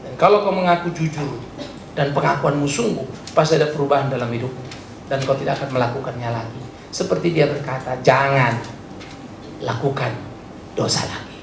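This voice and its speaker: A male pastor preaching a sermon, chatty and joking, swinging from soft asides to loud high exclamations. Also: quick pace, gravelly. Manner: chatty, joking, mixes in English words. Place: church hall. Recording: roomy church hall, faint noise.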